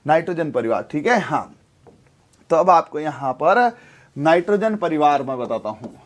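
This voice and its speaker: High-voiced chemistry teacher drilling. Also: male voice, animated, moderate pace, slight background noise. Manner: repetitive, drilling, asks and answers his own questions. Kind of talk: classroom lecture with call-and-response drills.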